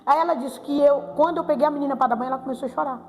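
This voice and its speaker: A woman's voice: sits high, racing, darkish tone. An older woman giving an emotional church testimony, often repeating her phrases and pleading to God. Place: church hall with music behind. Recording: long reverb of a church hall.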